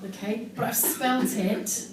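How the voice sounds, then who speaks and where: An amateur woman performer reads aloud from her teenage diary at a live London show indoors, delivering it deadpan and self-mockingly while the audience laughs. Her voice is on the high side and slow. Recorded from far off on an audience member's phone, the audio is echoey and full of venue noise.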